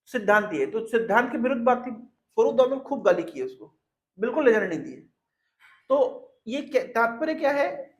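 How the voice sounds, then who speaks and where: A man giving a devotional discourse in Hindi, explaining a Sanskrit verse by asking and answering his own questions, and chanting it slowly for listeners to repeat. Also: high-pitched. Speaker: Vaishnava preacher.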